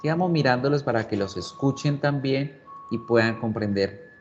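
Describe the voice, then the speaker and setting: A man's voice: medium pitch, moderate pace. A male English teacher giving an online class, explaining patiently and step by step. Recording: dull lo-fi sound, faint background noise.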